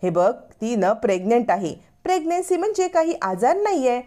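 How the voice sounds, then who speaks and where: A woman's voice: a little high, sing-song, normal speed, dark tone, voice pushed up. A woman voicing an elderly, stern and wise family matriarch who lectures firmly. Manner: firm, lecturing.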